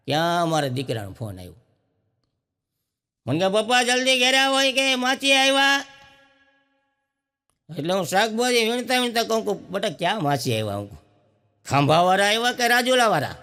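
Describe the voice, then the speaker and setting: A man's voice: a little high, a bit bright, big-room sound. A male stand-up comedian, telling folksy comic stories and acting out the characters in quoted dialogue. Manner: folksy storyteller who acts out each character in quoted dialogue. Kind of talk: comic storytelling.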